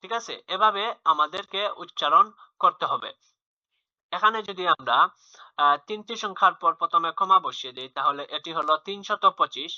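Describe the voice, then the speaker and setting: A man gives a children's maths lesson in a bright, forceful, somewhat high voice. He explains patiently and repeats each step. The recording is dry and dull, with a lo-fi sound. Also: lively intonation, normal speed, no echo. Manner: patient, repetitive explaining with fillers and restarts. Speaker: teacher.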